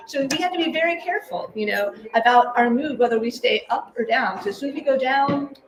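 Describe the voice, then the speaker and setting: A woman's voice: high voice, a little fast. A bubbly woman leading a live laughter meditation session, often laughing as she talks to the group. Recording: echoey room with a live crowd.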